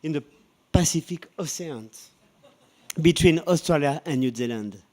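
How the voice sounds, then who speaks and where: A man with a French accent, speaking English as a second language in a light, halting conference presentation. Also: a little high, lively intonation, a little mellow. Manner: halting, laughs often. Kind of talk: scripted two-person presentation.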